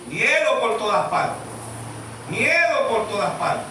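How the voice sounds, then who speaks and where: A man's voice: sits high, sing-song, slow pace, pushed and bright, slight background noise. A man preaching a sermon as pastor, emphatic, asking the congregation questions and waiting for their answers. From Venezuela. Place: church hall. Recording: echoey church sound from far off.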